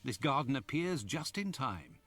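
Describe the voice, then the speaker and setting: An actor playing a genteel, slightly fretful doctor, a detective's companion, in a video game, with polite and expressive delivery. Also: male voice, mid-range voice, measured pace. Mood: uneasy. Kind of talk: video game cutscene acting. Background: game music.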